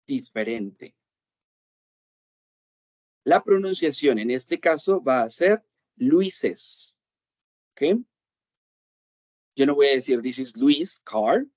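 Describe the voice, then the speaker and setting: A man's voice: fairly high pitch, a little mellow, dry recording. Patient male English teacher, dry sound. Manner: patient, repeats "¿ok?" to check understanding; slows down to say English examples. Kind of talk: online class explanation in Spanish.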